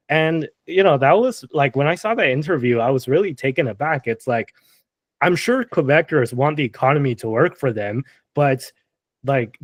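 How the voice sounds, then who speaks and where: A man's voice: medium pitch, no echo. A man co-hosting a podcast, talking casually about politics and rambling with lots of fillers and restarts. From Canada. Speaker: podcast co-host.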